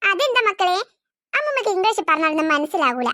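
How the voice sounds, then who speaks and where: A woman voicing a fussy, easily hurt old grandmother in a cartoon, speaking slowly and plaintively. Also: very high voice, big pitch swings, sharp tone, voice pushed down, exaggerated voice. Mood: puzzled. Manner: slow, plaintive, calls everyone dear child. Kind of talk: cartoon voice acting.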